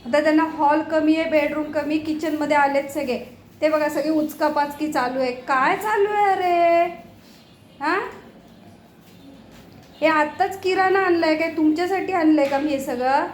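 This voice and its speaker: A woman's voice: high voice, normal speed, roomy sound, slight background noise. A woman talking to her pets in a home kitchen, scolding them fondly in exasperated baby talk. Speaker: pet owner filming her cats. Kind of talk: casual home video chatter to pets.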